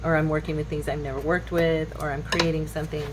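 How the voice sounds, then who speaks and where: A woman in her fifties, host of a craft channel, chats casually through a tutorial at her indoor craft table at home, rambling and musing aloud as she works. She talks fast in a low, flat voice, and the home recording is clearly noisy.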